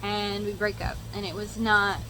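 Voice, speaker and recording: A woman's voice: medium pitch, little pitch movement, normal speed, pushed and bright, soft background music, rough recording. A young woman chatting casually to viewers and telling a story as she does her makeup, candid and sweary with sarcastic asides. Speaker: makeup vlogger.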